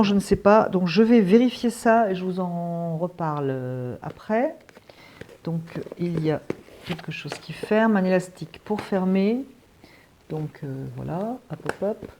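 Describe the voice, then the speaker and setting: A woman's voice: fairly low pitch, mellow. A woman hosting a watercolor channel, chatting casually through an unboxing and thinking aloud with frequent hesitations.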